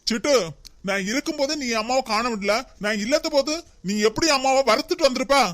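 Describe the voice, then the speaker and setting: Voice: sits high, brisk, a bit bright. A performer voicing a dutiful young husband and son in a cartoon, with a Kanyakumari Tamil accent, who pleads and soothes but can turn firm. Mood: stern. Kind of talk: cartoon voice acting.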